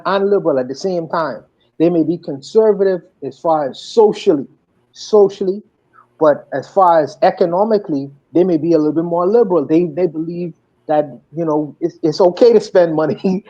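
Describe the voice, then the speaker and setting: A man's voice: on the high side, dark tone. A man on a discussion panel who stumbles and repeats words as he makes his points. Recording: dull lo-fi sound.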